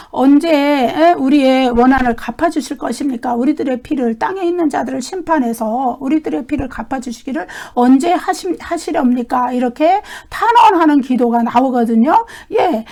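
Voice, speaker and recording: A woman teaching a Bible study lecture, explaining steadily and often checking in with a questioning "eh?", and reading scripture verses aloud in a measured way. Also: fairly high pitch, darkish tone. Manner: explanatory, with frequent questioning "eh?" tags and restarts.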